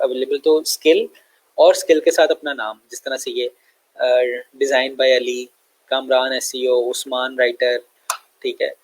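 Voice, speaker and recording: A young man with a Pakistani Urdu accent walks through a tutorial on his screen. He talks in a relaxed, explanatory way, pausing on fillers and checking in often. His pitch sits in the middle range. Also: rough recording. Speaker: online tutor. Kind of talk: screen-share tutorial lecture.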